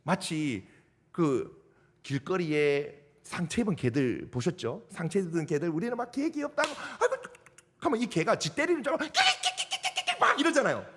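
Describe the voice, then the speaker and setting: A male pastor, giving a youth sermon in an animated way and acting out what people say. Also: moderate pace, in a large hall, a little hiss or hum. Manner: animated, acts out quotes with big pitch swings.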